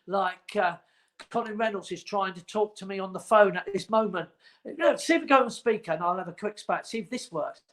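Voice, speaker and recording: A man's voice: sits high, brisk, fairly bright tone. A man in his forties hosting a casual livestream chat from home, rambling and teasing. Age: 40s. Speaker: host.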